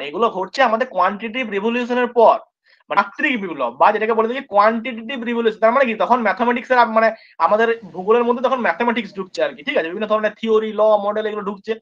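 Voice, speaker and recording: High-pitched guy tutor, rattles through an exam prep lesson, keeps asking if you got it. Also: fairly bright tone. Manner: constantly checks understanding, repeats points; informal, addresses students familiarly. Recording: dull lo-fi recording.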